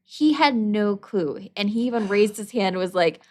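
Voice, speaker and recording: A woman co-hosting an education podcast, telling classroom stories in an animated, casual way and acting out quoted voices with frequent laughs. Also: mid-range voice, moderate pace. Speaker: podcast co-host, literacy educator.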